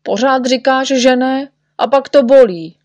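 A woman's voice: on the high side, lively intonation, no echo. A woman voicing a clumsy, boastful little male shorty who yelps and whines about pain. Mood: whining. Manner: whiny, yelping, scared of pain.

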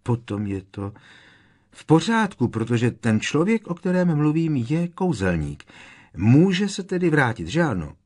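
A man's voice: fairly low pitch, very animated, breathy edge. A man voicing an agitated teenage boy wizard who presses with urgent, pleading questions in an audiobook. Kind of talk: audiobook character reading.

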